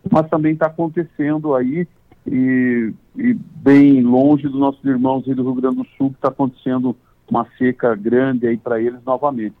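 A man from Santa Catarina, speaking over a landline phone as a farm association president in an interview, plain-spoken with halting restarts. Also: medium pitch, dry recording. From Santa Catarina, Brazil. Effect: over a landline phone line. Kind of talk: phone interview, casual explanation. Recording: tinny dry phone line.

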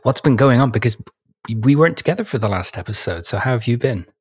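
A man with a throaty, slightly croaky voice, chatting casually as a podcast co-host. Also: medium pitch, animated, quick pace, no echo, studio quality. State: throaty voice since waking.

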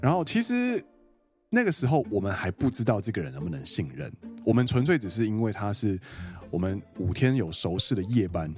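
A Taiwanese man in his thirties with a Taiwanese Mandarin accent, co-hosting a podcast and telling an animated story in casual chat. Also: on the low side, a little fast, soft background music. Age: 30s. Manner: animated, quotes people and acts out dialogue. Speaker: podcast co-host.

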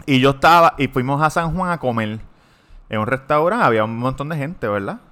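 A man with a Puerto Rican Spanish accent, hosting a podcast and telling a story to friends in a casual, animated way, swearing freely. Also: medium pitch, fairly quick. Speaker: podcast host.

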